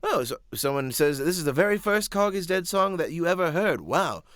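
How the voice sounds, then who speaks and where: Animated, high-pitched male musician host. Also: no echo, clean studio sound. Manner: halting, self-deprecating, light-hearted. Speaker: musician hosting a live stream. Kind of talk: casual live-stream chat.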